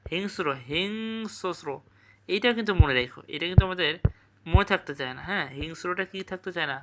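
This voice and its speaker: A man teaching an exam revision class, repeating each word slowly and checking with quick questions. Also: high-pitched, noisy background.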